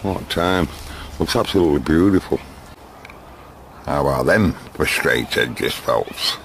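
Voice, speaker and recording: On old camcorder audio from the built-in mic, a deep-voiced man films outdoors in a sunny garden, chatting casually to the camera and laughing between remarks. He's a home video maker with lively intonation, a measured pace and vocal fry. There's a little hiss or hum.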